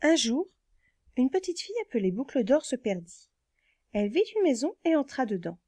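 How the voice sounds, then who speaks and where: A woman reading a children's story aloud in an expressive way, adding playful sound words. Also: high voice, normal speed, no room sound, studio quality.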